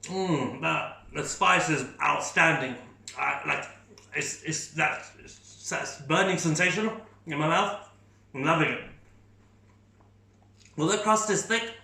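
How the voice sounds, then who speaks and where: Slow and a little high, a man's sharp voice with vocal fry hosts a casual food tasting. He eagerly rates every bite and keeps talking as he chews, all recorded in an echoey room.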